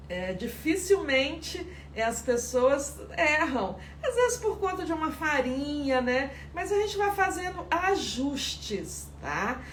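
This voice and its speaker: A woman teaching sourdough on a live stream, chatty and greeting viewers by name. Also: a little high. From Espírito Santo, Brazil. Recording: echoey room with faint background noise.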